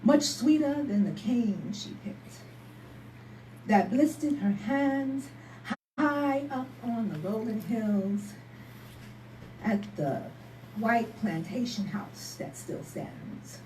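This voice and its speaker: High-voiced woman performing spoken word. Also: expressive, slow pace, slight background noise. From Barbados. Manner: rhythmic, emphatic, rising to shouts. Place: live poetry night venue. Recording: echoey room from a distance.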